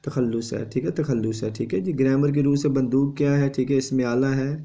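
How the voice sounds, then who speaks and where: A man's voice: medium pitch, dark tone. A male teacher giving an exam revision lesson. He lectures steadily and repeats a confirming tag after each point.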